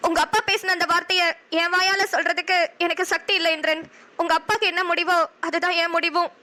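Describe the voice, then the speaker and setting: A woman's voice: very high-pitched, little pitch movement, fast, bright, forceful tone. A woman voicing a sorrowful, resigned middle-aged mother in a cartoon. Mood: mournful. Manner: mournful, resigned. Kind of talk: cartoon voice acting.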